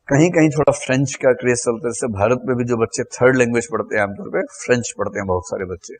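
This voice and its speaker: A middle-aged male teacher lectures in a relaxed, conversational way, tossing in rhetorical questions as he explains. His voice sits at an ordinary pitch. The recording is dry and close, with almost no room sound. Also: no room sound. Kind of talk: classroom lecture.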